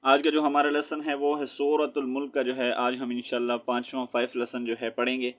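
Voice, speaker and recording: A man with a Pakistani Urdu accent teaching a Quran lesson, spelling out syllables slowly and chanting verses in a drawn-out melody. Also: medium pitch, monotone, lo-fi sound.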